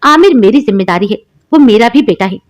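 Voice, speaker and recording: A woman's voice: fairly high pitch, a little fast, close to an everyday voice. A woman reading a kind, protective older brother. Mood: reassuring. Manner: calm, reassuring.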